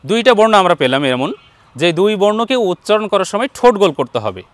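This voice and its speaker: A man's voice: high-pitched, very animated, no echo. Patient Bengali-accented male Quran teacher. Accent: Bangladeshi Bengali. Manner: slow, patient, drawn-out letter demonstrations. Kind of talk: online Arabic letter pronunciation lesson.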